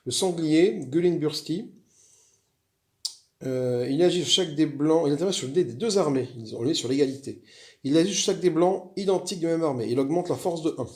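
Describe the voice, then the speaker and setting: A man's voice: fairly high pitch, fairly quick, darkish tone. A man chatting casually as he walks through a solo board game, rambling with frequent restarts. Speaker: board game video host.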